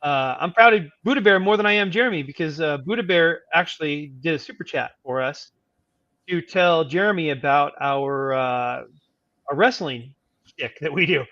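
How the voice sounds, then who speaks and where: A man's voice: a little high, moderate pace, sharp tone, dry recording. A man hosting a livestream with casual chat, heard through slightly muffled audio. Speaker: live show host.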